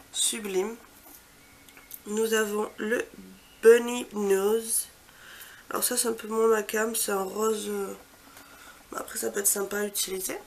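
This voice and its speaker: Gravelly-voiced woman gushing over makeup. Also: mid-range voice, slight background noise. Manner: chatty, trails off into soft quiet asides; gushing, repeats superlatives. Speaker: beauty vlogger. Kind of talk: casual product swatch walkthrough.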